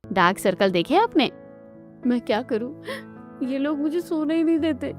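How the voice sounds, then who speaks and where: A woman's voice: sits high, animated, moderate pace, soft background music, pitched above the performer's own voice. A woman voicing a tired, fed-up young daughter-in-law in a cartoon story. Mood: weary.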